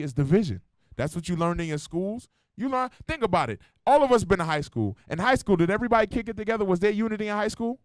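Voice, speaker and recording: A man preaching in a high voice with a blunt, slangy, profane delivery. He keeps challenging the room with rhetorical questions. The sound is dry and close. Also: clean tone, dry recording. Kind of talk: street-style sermon. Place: church meeting hall.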